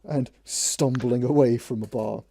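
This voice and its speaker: A man narrating as game master in a relaxed, chuckling way. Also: mid-range voice, measured pace, vocal fry.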